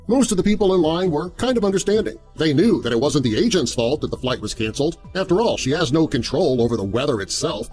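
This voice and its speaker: A man reading a scripted story as a narrator, in an animated storytelling manner. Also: fairly high pitch. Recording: music under the voice. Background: background music.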